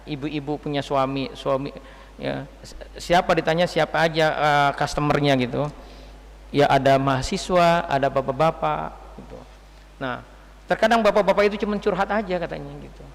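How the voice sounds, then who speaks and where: A man delivers a religious lecture to a crowd of women in a loose, conversational way. He jokes and keeps asking his listeners questions. His voice sits high, and a long reverb trails behind it in the hall. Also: normal speed, gravelly. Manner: chatty, joking, quizzing the audience. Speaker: Islamic preacher.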